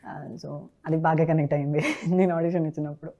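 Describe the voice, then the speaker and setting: A woman with a Telugu accent, a dubbing artist chatting casually in an interview in a relaxed way. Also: low voice, fairly quick, dull audio. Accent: Telugu, Hyderabad. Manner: relaxed, bursts into lively character voices when imitating film dialogue.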